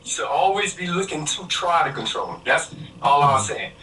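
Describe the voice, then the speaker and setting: A bright, forceful man's voice comes through a roomy, distant call line with a faint hiss behind it. He argues his point firmly and emphatically, lecturing in a podcast debate. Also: fairly high pitch, expressive, moderate pace.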